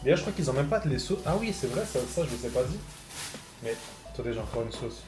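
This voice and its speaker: Animated man in a food vlog. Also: mid-range voice, quick pace, music in the background, low-quality recording. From Switzerland. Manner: animated, loud bursts of disgust, swearing. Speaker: food vlogger. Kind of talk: casual food-tasting vlog.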